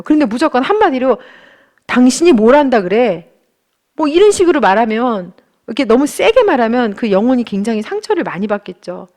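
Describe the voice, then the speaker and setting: A woman giving a church marriage-class lecture, speaking gently and acting out kind example phrases for husbands. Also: fairly high pitch.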